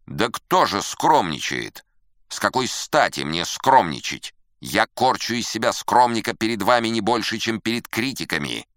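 A man's voice: lowish voice, sing-song, moderate pace, dry recording, clean studio sound, voice pushed up. A man voicing a furious boastful kappa musician. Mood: proud. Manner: shouting, boastful, indignant. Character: angry vain male kappa musician.

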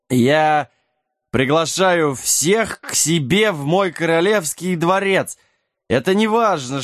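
A man's voice: a little high, no room sound, studio quality, pitched above the performer's own voice. A man voicing a drunk, boastful self-styled mad king in a storybook reading, with slurred, swaggering speech.

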